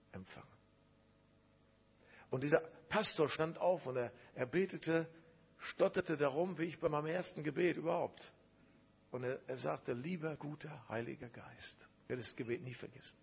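A man's voice: mid-range voice, slightly rough, lo-fi sound. A man preaching a sermon, telling a personal story emphatically and repeating phrases.

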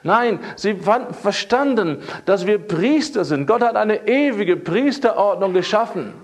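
A man delivers a sermon in a high-pitched voice. He speaks emphatically, circling back to key phrases and pressing them home. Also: lively intonation, unhurried. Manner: emphatic, repeats key phrases, fillers and restarts. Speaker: preacher.

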